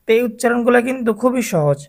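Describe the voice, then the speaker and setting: A Quran reading teacher from Bangladesh, with a Bangladeshi Bengali accent, giving a recorded class to adult beginners and patiently drilling letter sounds, repeating each one slowly. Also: mid-range voice, lively intonation, creaky, a little mellow.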